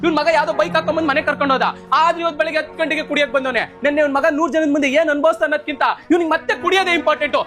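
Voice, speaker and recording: Fast-ranting man over loud music. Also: very high-pitched, fairly even intonation. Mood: mock rant. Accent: North Karnataka Kannada. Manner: fast rhetorical ranting with refrains. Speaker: bar owner in a comedy skit. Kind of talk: mock-heroic film-style speech.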